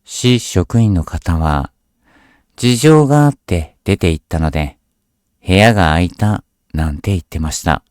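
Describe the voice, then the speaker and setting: Man, ghost story narrator, deep voice, slow deliberate pacing, dry close sound, scripted reading. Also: lively intonation, darkish tone, no room sound. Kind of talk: scripted horror story narration, read aloud.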